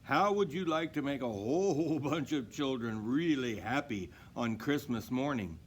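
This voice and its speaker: A man playing a kindly old Santa in a storybook, gentle, unhurried and reassuring. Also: mid-range voice, lively intonation, slight background noise, natural voice. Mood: jolly.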